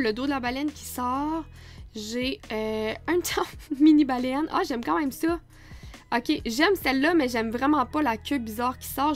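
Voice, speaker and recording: A young woman with a Quebec French accent gives a casual tutorial in a fairly high voice, chatty and quick to laugh. A little quiet music plays underneath. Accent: Québécois French. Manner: chatty, laughs often, many fillers. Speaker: photographer teaching Photoshop. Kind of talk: casual screen-recorded tutorial.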